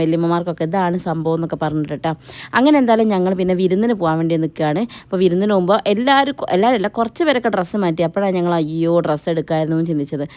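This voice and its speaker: A woman's voice: lowish voice, darkish tone. A young woman, narrating a family wedding vlog in a chatty, teasing voice-over that speaks straight to viewers. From Kerala. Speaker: family vlogger. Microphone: voice-over mic.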